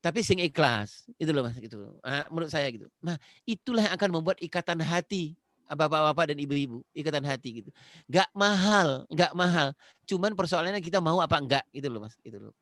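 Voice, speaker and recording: A man's voice: a little high, animated, fast talker, a bit bright, no echo, studio quality. A man from Indonesia giving a conversational parenting talk on a video call, earnest, repeating phrases and speaking straight to his listener. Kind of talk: conversational lecture.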